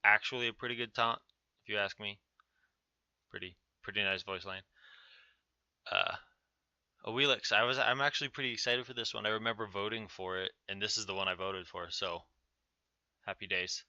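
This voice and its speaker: A man's voice: lowish voice, steady tone, moderate pace, long pauses, pushed and bright, no echo. A man giving informal, offhand commentary on game patch notes as a video host. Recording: dull, narrow-band sound.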